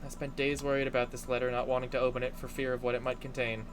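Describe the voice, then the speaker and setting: A man's voice: medium pitch, little pitch movement, very fast, over music, natural voice. A man voicing an anxious, irritable young woman bartender in a game, with a stammering, dramatic delivery. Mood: exasperated, angry. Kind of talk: hobby video game voice-over.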